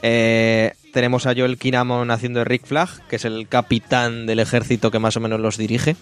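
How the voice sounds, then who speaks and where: A man with a Spain Spanish accent, hosting a casual film review chat, blunt and quick to swear. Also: mid-range voice, level tone, smooth. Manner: blunt, swears freely, rants.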